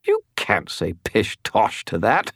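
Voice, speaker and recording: A man's voice: lowish voice, huge pitch swings, slow pace, a bit bright, no room sound, clean studio sound, heavily acted. A man voicing a grumbling, whiny male spirit that lives in a skull, for an audiobook. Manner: whiny, complaining.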